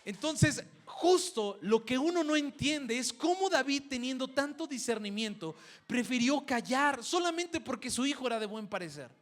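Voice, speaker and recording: Animated high-voiced preacher. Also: male voice, normal speed. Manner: animated storytelling, acting out quoted parents. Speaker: preacher and schoolteacher. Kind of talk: sermon.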